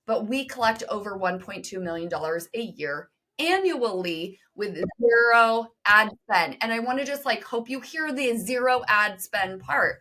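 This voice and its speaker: An energetic woman speaking as a podcast guest. She talks emphatically and directly, pressing her points to the audience with quick bursts. Her voice sits at an ordinary pitch for a woman. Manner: emphatic, direct, fast-talking, addresses listeners. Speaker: podcast guest, business co-founder. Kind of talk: energetic interview talk.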